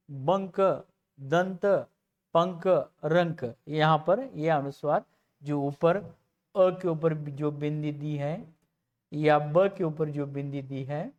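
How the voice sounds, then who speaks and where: A teacher gives a recorded lecture to students, explaining slowly and repeating example words one at a time. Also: mid-range voice.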